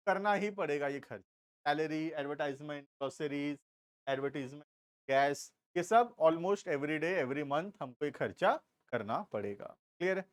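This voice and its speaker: A man with an Indian accent teaching a commerce class, explaining slowly and stopping to check that students follow. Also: fairly high pitch, no echo, studio quality. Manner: explains slowly, asks checking questions, drawls key terms. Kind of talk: classroom lecture.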